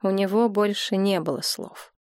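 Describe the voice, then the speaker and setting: A woman narrating a novel as an audiobook in an even, steady storytelling voice. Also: medium pitch, normal speed, clean tone, no room sound, clean studio sound.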